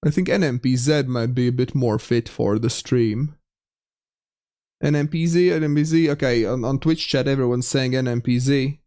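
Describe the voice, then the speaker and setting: A young streamer with a light Latvian accent chats casually with viewers, reading their messages aloud and often restarting his sentences. His voice sits in an ordinary middle range with a warm tone at normal speed, recorded dry on a close mic with no room echo.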